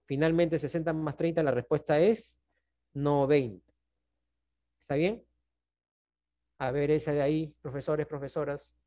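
A man's voice: fairly high pitch, steady tone, unhurried, pauses often, warm tone. A man teaching a math class over a video call, with a Peruvian Spanish accent. He explains patiently and keeps checking in with the class. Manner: patient, checks in often with "¿no?" and "¿está bien?".

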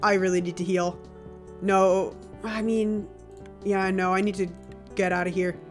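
A woman streamer talks her way through a game in a casual, chatty voice at a middling pitch. She reacts aloud with quick exclamations. Faint game music sits behind her. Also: little pitch movement. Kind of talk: casual gaming commentary.

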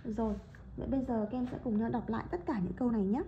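High, mellow-voiced woman teacher. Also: muffled recording. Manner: explains step by step and keeps checking with rhetorical questions; reads example sentences slowly with exaggerated rising and falling intonation. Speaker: English teacher. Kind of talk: explaining a lesson.

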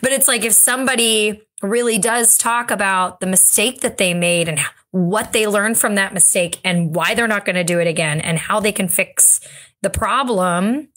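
A woman's voice: medium pitch, moderate pace, a bit bright. A woman co-hosting a podcast, talking in a thoughtful, conversational way with fillers and restarts. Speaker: podcast co-host. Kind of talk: casual discussion.

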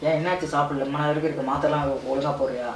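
A man's voice: on the high side, fairly even intonation, rapid-fire, a little hiss or hum, close to an everyday voice. A man with a Ramnad Tamil accent playing a distressed husband who falters and keeps repeating reassurances to his wife. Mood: distressed, reassuring. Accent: southern Tamil, Ramnad. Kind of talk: amateur family drama. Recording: echoey room, mic far off.

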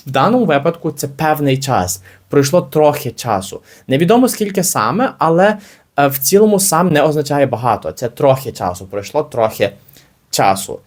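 Man teaching slowly and carefully. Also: mid-range voice. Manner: slow, careful, repeats phrases for learners. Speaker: English teacher. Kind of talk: explaining a language lesson.

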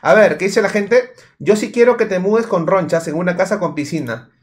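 Male streamer, Peruvian accent, high voice, slightly drunk, crude rambling banter. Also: normal speed. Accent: Peruvian Spanish. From Peru. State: tipsy. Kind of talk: casual livestream chat.

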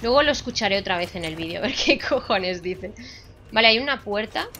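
A young woman from Spain with a Spanish accent, giving excitable, swearing commentary while playing a shooter at home. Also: medium pitch, a little fast. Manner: excitable, swearing, shouting at enemies. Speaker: gaming vlogger. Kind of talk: live gameplay commentary. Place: home room. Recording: game music under voice.

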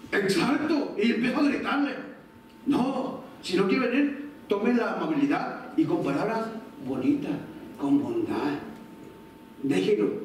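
In an echoey church sanctuary, a pastor with a high-pitched voice preaches a sermon in a conversational way, acting out brief quoted exchanges within a family. A distant mic picks him up along with slight background noise.

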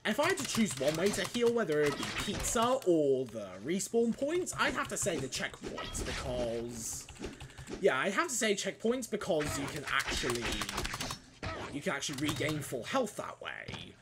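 Lively jokey let's play commentator. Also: mid-range voice, normal speed, background noise. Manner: animated, jokey, talks back at enemies. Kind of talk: casual gameplay commentary. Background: game music.

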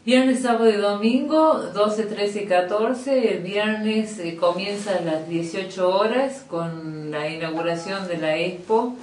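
A woman's voice: medium pitch, unhurried, few pauses, a little mellow. Woman, middle-aged, Argentine accent, chatty, fillers, echoey room, far mic. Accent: Argentine Spanish. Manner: chatty, many fillers and restarts. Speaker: youth coordinator interviewed about a youth expo. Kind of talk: casual interview. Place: small office indoors. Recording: echoey room, distant mic, faint noise.

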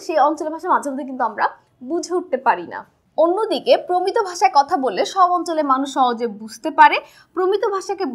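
A woman from Bangladesh teaching a school textbook chapter in a chatty way, often checking with "right?". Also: high voice.

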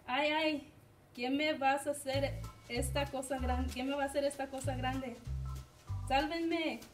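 A woman's voice: high voice, steady tone, a little slow, faint music behind. A woman voicing a lost baby bird who pleads and asks earnestly after its mother. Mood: scared.

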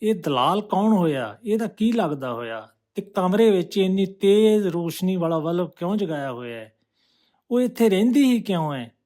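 A man's voice: high-pitched, expressive, normal speed, dark tone, voice pushed up. A man voicing the anxious inner thoughts of a troubled young man, asking himself one question after another. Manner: questioning, brooding.

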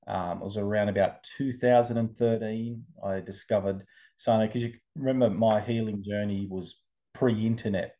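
Man, low mellow voice, casual storytelling, muffled lo-fi video call. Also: moderate pace. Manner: animated storyteller, acts out quoted voices. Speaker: interview guest. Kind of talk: casual recovery story interview.

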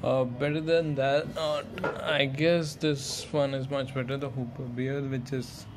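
A man giving a casual, unscripted review in a hesitant, halting way into a handheld phone indoors. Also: medium pitch. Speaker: amateur beer reviewer. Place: small room, indoors. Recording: clearly noisy handheld phone recording.

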